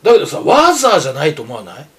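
An older man chatting casually on a radio talk show about horse racing, gruff and teasing, lecturing his co-host with animated tangents. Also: on the high side, rapid-fire.

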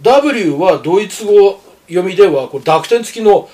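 An older man with a high, very lively voice, talking in a gruff, teasing, lecturing way. He is a seasoned racing pundit chatting on a radio show and telling animated stories. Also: a little fast. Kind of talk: casual radio chat.

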